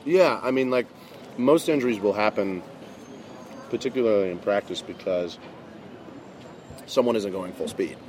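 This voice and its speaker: College athlete, 20s, deep and relaxed, filler-heavy chat recorded outside with clear traffic noise. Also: male voice, normal speed, pauses often. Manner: loose and chatty, full of fillers. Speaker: college football player. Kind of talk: casual interview talk. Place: outdoors at a campus table.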